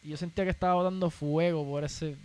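A man's voice: fairly high pitch, fast talker. A young man with a Puerto Rican accent, telling stories in a casual podcast chat, full of slang and the word "papi". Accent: Puerto Rican Spanish. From Puerto Rico. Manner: animated storytelling, slangy, keeps saying "papi".

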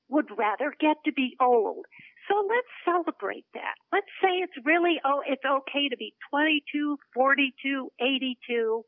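A woman's voice: high-pitched, dry recording. A woman in her seventies, a guest on a radio interview, speaking earnestly over the phone with small laughs between her points. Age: 70s. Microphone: telephone. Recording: narrow phone line.

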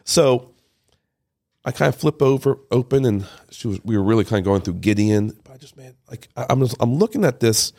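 A man giving an emotional personal testimony in an interview, halting and often repeating his words. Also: medium pitch, expressive, darkish tone. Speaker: interview guest, father. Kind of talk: personal testimony, casual storytelling.

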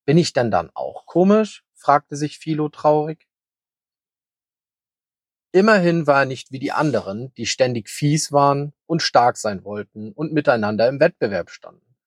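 Husky male storyteller with lively melody. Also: mid-range voice, moderate pace, dry recording, studio quality. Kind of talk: children's story reading.

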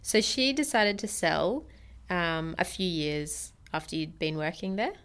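A woman's voice: on the low side, a bit bright, clean tone. A woman with an Australian accent hosting an interview, prompting her guest in an encouraging, upbeat way. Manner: encouraging, prompting, quick to laugh. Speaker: podcast host. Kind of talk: casual interview chat.

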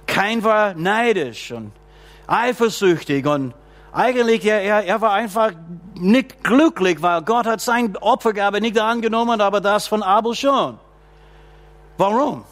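A pastor with a notably high voice for a man preaches a church sermon. He drags out his lines slowly, repeats each key phrase for weight and punctuates it with hallelujahs and amens. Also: fairly bright tone. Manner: slow, deliberate preaching with drawn-out lines.

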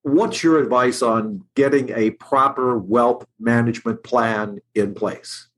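A man hosting a talk show, asking his guest steady, measured questions. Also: mid-range voice. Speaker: show host. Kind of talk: interview questions.

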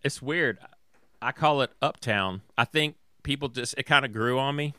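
Bright-voiced man co-hosting a talk show. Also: mid-range voice, moderate pace, clean tone, no room sound, studio quality. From Atlanta, Georgia. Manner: relaxed, rambling, self-correcting. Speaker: podcast co-host. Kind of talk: casual chat.

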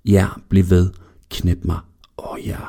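A husky, stern woman teacher in her late thirties, all breathy half-whispers, as a male narrator puts her on. She is low-pitched and darkly mellow. It is an audio story read aloud. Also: monotone.

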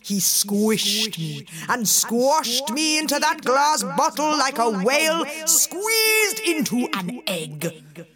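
A woman voicing a huge, wicked male genie who shouts slowly and gloats with big laughs. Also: very animated, crowd noise, exaggerated voice. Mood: scornful. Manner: slow, loud, shouting with booming laughs.

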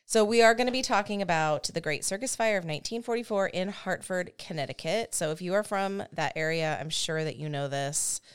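A woman's voice: fairly low pitch, fairly quick, hardly any pauses, clean tone. A woman in her thirties hosting a podcast, telling a history story in a chatty, self-deprecating way with frequent laughs. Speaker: podcast host. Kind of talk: casual storytelling chat.

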